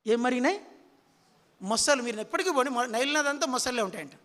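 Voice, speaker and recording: A man's voice: very high-pitched, animated, quick pace, fairly bright tone, in a large hall. A man preaching a sermon, quizzing his listeners with repeated questions.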